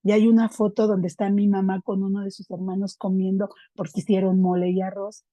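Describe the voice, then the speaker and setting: A woman's voice: medium pitch, level tone, brisk, dark tone, no echo, poor audio. A middle-aged Mexican woman candidly sharing a personal testimony at a recovery group, storytelling in a conversational way with frequent fillers.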